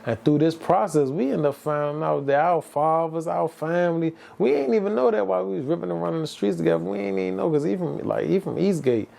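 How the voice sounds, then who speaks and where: Gravelly-voiced man from the D.C. telling his story. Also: on the high side, quick pace, hardly any pauses, dark tone. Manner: loose slang-heavy talk, many restarts and "bruh". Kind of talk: casual storytelling to camera.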